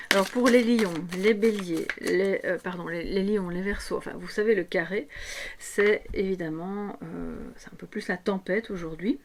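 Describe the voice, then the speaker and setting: Speaking without a script, the slightly hoarse host of a tarot guidance video explains readings to her viewers and frequently checks in with them. Her voice is mid-range, with background noise behind it.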